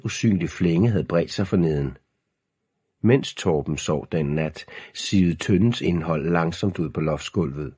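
A man reading an audiobook aloud in a measured, ominous storytelling manner. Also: sits low, a little mellow, slightly rough, no echo, studio quality. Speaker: narrator. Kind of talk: scripted audiobook narration.

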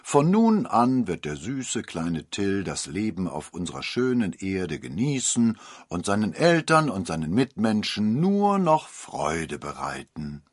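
A man voicing a tipsy village pastor who speaks slowly in a calming preacher tone. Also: fairly low pitch, no echo, studio quality, heavily acted. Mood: soothing.

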